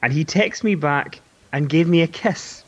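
A man with a Scottish accent, co-hosting a casual podcast chat, telling stories in a relaxed way with hesitant restarts. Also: on the high side, unhurried, highs cut off, heavy background noise. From Scotland. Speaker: podcast co-host. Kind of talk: casual wrestling recap chat.

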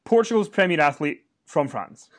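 Recording in a hotel room, a man co-hosts a wrestling podcast and rambles through a casual recap with plenty of fillers and restarts. His voice is on the high side and animated, at a moderate pace.

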